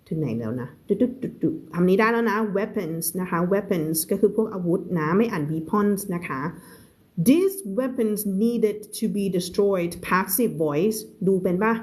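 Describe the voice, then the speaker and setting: A woman's voice: mid-range voice, darkish tone. A Thai-speaking woman teacher reading an English story aloud on a live stream, explaining words in Thai and greeting viewers. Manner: reads English slowly, then explains in Thai; greets viewers and thanks them for gifts mid-lesson.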